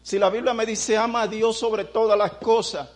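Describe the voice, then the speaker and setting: A male preacher giving an impassioned sermon, swelling into loud prayers and putting rhetorical questions to the congregation. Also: sits high, flat delivery, moderate pace.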